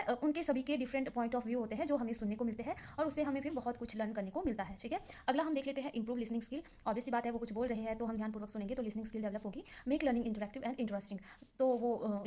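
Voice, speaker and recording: Young woman, trainee teacher, casual revision lesson, rapid delivery, slightly high voice, chatty with fillers. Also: warm tone. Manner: chatty explaining with many fillers, reads English definitions slowly.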